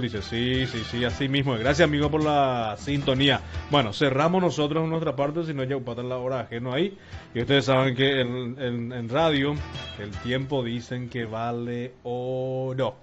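A man working as a radio announcer, reading the time and temperature and greeting listeners in a relaxed way. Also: mid-range voice, normal speed, faint music behind. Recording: dull lo-fi radio sound.

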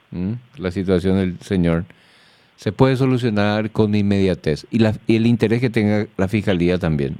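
Smooth-voiced radio host. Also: male voice, on the low side, a little mellow, no room sound. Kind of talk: radio interview.

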